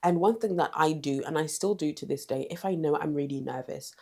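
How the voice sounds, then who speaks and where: Woman vlogger giving blunt confidence tips, lots of creaky fry, firm short commands. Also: low voice, brisk, darkish tone. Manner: direct, emphatic coaching with repeated commands. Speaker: confidence coach. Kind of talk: advice vlog.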